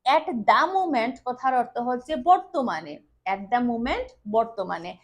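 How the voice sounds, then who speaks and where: Female grammar teacher, bright high voice, slow and deliberate, repeats examples. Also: sing-song. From Tripura, India. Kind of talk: classroom-style grammar lesson.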